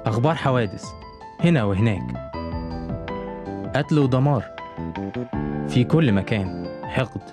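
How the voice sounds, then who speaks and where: A man voicing a dramatic station promo in an urgent, rapid delivery. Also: mid-range voice, animated, music in the background. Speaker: promo announcer.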